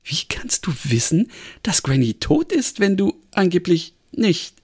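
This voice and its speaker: A man voicing a wary, sharp-tongued woman sleuth who presses with sarcastic questions. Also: high-pitched, very animated, unhurried, husky, heavily acted. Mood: suspicious.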